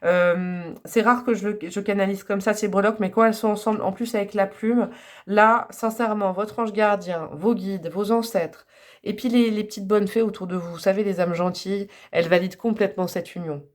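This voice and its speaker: A woman's voice: medium pitch, steady tone, brisk. Chatty woman reading tarot. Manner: chatty, warm-hearted, rambling with many fillers and laughs. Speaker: tarot card reader. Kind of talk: casual tarot reading to camera.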